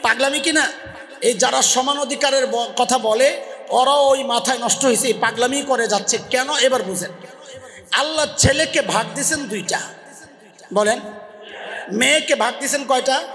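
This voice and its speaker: A man preaches a waz in a very high, sharp, forceful voice. He drills the crowd with questions and makes them repeat the answers. His voice rings through a roomy space with a long reverb tail. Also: normal speed, pauses often. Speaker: Islamic preacher. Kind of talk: Bengali waz sermon with call-and-response.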